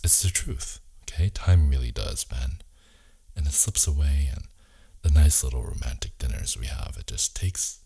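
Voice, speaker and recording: Very deep, husky romantic leading man, ASMR role-play. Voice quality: husky, gravelly low murmur slipping into soft voice.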